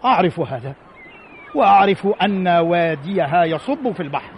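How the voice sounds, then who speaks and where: A calm, wry Carthaginian commander in an old radio show, with a fairly high male voice and measured formal delivery. The recording is muffled with hiss behind it. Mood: dryly scornful. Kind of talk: old Arabic radio drama acting.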